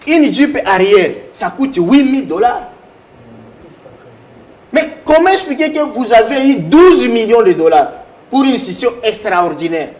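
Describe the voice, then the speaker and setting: Male panelist, high and lively voice, accusing rhetorical style, heated TV debate. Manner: accusing, piles up rhetorical questions. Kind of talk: heated televised political debate.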